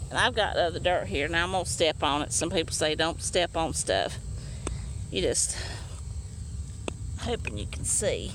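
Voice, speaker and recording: A woman talking casually while working in her backyard garden, chatty and rambling with lots of fillers and restarts, out of breath from hours of yard work. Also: medium pitch. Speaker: home gardener. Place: backyard garden bed, outdoors. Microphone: phone or camera held while working. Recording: faint outdoor noise.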